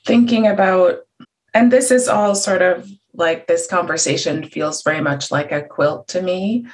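A woman's voice: on the low side, unhurried, rough recording. A woman interviewing in a conversational way, feeling her way carefully into each question.

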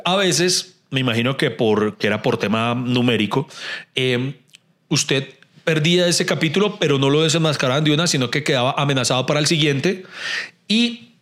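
A Colombian man casually telling a story, animated and jokey, swearing freely and acting out dialogue. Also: medium pitch, normal speed.

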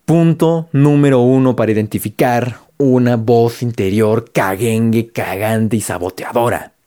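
A man's voice: mid-range voice, a little slow, mellow. A man with a Mexican accent giving a casual motivational talk to camera, talking conversationally with slang and repeated phrases for emphasis. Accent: Mexican Spanish. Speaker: motivational vlogger.

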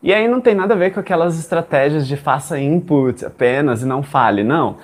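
A man's voice: on the high side, animated, fairly quick. A young Brazilian man teaching English in casual chat, talking straight to his listeners and acting out his own past thoughts.

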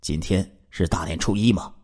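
A man's voice: low-pitched, normal speed, darkish tone, husky. A man voicing a shrewd adult male village militiaman in a spoken true-crime story, friendly on the surface but probing. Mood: coaxing.

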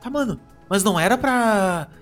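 A man's voice: sits high, normal speed, soft background music. Slangy man. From Brazil. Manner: relaxed, slangy, emphatic. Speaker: podcast co-host. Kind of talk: casual chat.

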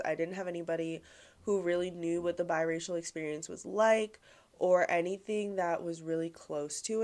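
A young woman in her twenties talks through her solo podcast in a loose, chatty way, dropping "like" into nearly every line and swearing casually. She sounds congested and a little nasal from a stuffy nose. Her voice sits a touch low for a woman. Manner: chatty, heavy use of "like", swearing. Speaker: podcast host.

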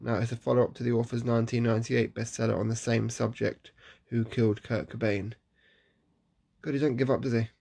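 A man's voice: mid-range voice, little pitch movement, a little fast, vocal fry, warm tone, breathy edge. A man hosting a casual solo podcast in a groggy morning voice, chatty and self-deprecating, laughing at himself. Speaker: podcast host.

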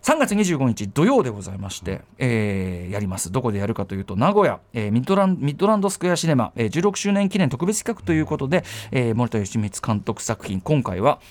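A man's voice: mid-range voice, sing-song. A man hosting a radio show, making rambling announcements in a casual, self-correcting way. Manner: fast, rambling, self-correcting, polite asides. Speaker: radio host.

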